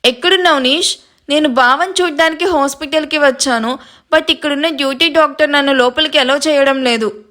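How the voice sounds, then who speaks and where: A woman voices a hot-tempered young woman in an audio story who snaps at whoever blocks her way. Her voice sits high and sounds bossy and impatient. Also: fairly quick, pushed and bright. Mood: irritated. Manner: angry, commanding.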